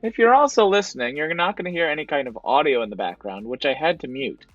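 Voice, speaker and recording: A man's voice: a little high, lively intonation, quick pace, no room sound. Male vlogger, casual voice-over narration, explanatory, slightly muffled lo-fi sound, faint music underneath. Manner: casual, explanatory, repeats "to be honest". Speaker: reseller vlogger narrating his thrift store trip.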